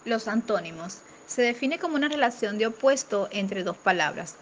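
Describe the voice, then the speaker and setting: A woman teacher reading a grammar lesson aloud in a steady, careful way, slowing down for example words. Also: mid-range voice, slight background noise.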